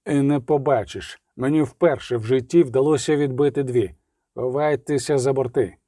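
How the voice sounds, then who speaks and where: Male reader as a terse steady swordsman, dark and slow, audiobook. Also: medium pitch, no echo, studio quality, lightly acted. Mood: curt.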